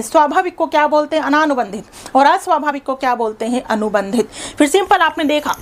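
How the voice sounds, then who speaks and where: A woman teaching a psychology lesson, asking her students questions and answering them herself, then repeating a definition more and more slowly with heavy stress on key words. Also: sits high.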